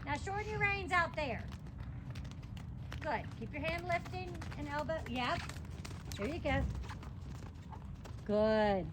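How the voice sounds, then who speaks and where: A woman riding instructor coaching live outdoors, projecting brisk, short commands with encouraging words of praise. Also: high-pitched, expressive. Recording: clear outdoor ambient noise.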